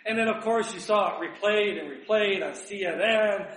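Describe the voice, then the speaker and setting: Man, high-pitched, crisp bright voice, conversational Bible teacher, echoey room, far from the mic. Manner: chatty, asks rhetorical questions, reads verses slowly. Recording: roomy echo, distant mic.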